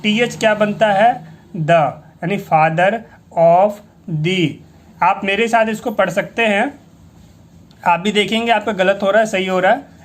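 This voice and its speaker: A man's voice: high voice, fairly even intonation. A male English teacher giving a reading lesson, spelling out each word letter by letter and repeating it patiently. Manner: spells words out letter by letter, drawing syllables out slowly.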